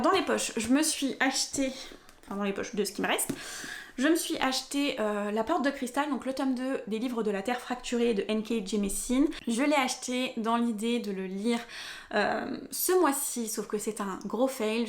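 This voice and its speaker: A woman's voice: fairly high pitch, moderate pace. A young woman chatting casually at home about the books she bought, enthusiastic and full of little hesitations. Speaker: book vlogger. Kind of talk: casual book haul chat.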